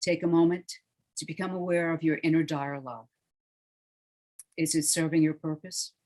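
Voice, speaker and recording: Meditation guide, guided relaxation read, hushed and soothing, trails off softly, mid-pitched. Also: fairly even intonation. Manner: slow, soothing, hushed delivery.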